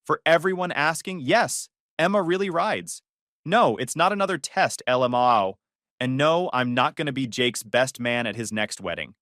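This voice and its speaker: A man narrates first-person stories in a steady scripted read. His pitch rises and falls lively through each line. The recording is dry and close, with no room around it. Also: normal speed, no echo.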